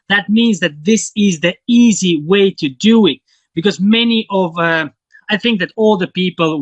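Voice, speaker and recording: High-voiced man giving an online sales pitch. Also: fairly bright tone, dry recording. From Estonia. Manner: halting, enthusiastic sales pitch with fillers. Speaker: business presenter. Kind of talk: online business presentation.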